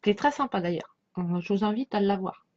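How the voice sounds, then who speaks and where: A woman with a slight lisp chatting casually as a tarot reader, halting and circling back, often leaving thoughts unfinished. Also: medium pitch, a little mellow. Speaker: tarot card reader giving a reading to followers. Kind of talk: casual rambling chat over a tarot spread. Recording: dull lo-fi sound.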